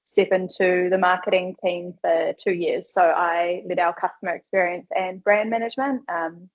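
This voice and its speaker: A woman's voice: fairly low pitch, steady tone, moderate pace. Upbeat New Zealand woman on a webinar. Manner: upbeat and chatty, casual phrasing. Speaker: customer experience and field sales manager. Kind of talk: webinar panel introduction. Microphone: video call. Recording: dull lo-fi video call audio.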